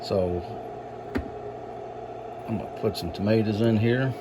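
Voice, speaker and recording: Halting, low-voiced man giving a casual cooking demo. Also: background noise. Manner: halting, unhurried, folksy explaining. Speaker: home cook presenting a recipe.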